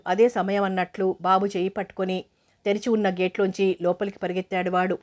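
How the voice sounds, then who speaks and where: A woman narrating an audio novel in a steady, even storytelling manner. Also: mid-range voice.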